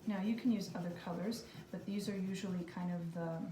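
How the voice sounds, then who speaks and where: A woman's voice: fairly low pitch, steady tone, a little fast, warm tone. A woman teacher giving a casual craft lesson to young children, with simple, reassuring step-by-step instructions. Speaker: kindergarten teacher. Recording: echoey room, distant mic, faint noise.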